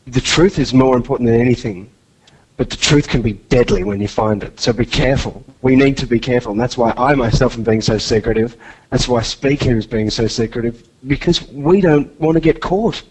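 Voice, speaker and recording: Guy voicing cocky aussie ninja, husky voice, bragging guest on a silly podcast. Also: mid-range voice, normal speed, a little mellow, close to an everyday voice, low-quality recording. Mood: secretive. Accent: Australian. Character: boastful masked male ninja fan, cocky. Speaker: interview guest. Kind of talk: comic podcast character interview.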